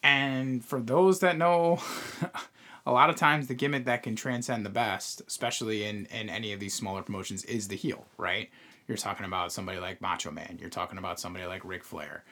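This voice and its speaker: A man's voice: fairly low pitch, steady tone, a little fast, sharp tone. A man co-hosting a podcast, explaining at length in casual chat and swearing now and then. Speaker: podcast co-host.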